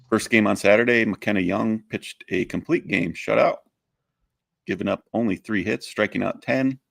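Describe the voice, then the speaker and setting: A man co-hosting a casual sports podcast, walking through game results and stats in a steady, plain way with frequent fillers. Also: low voice, gravelly, dry recording, clean studio sound. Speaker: co-host.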